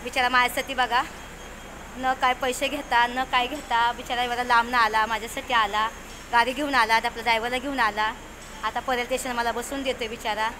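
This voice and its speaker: A woman's voice: on the high side, level tone, a little fast, music in the background. A woman chatting with her viewers and the friend filming her as she travels by car to a bus depot. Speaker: vlogger. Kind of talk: casual travel vlog. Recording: noisy phone video from a car and a depot. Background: traffic and street noise.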